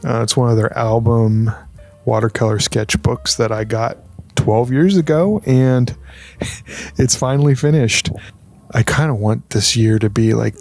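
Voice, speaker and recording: A man with a very creaky, gravelly voice talks in a hushed, quiet late-night way. He hosts a casual sketchbook tour vlog, with music playing behind him. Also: lowish voice. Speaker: art channel host.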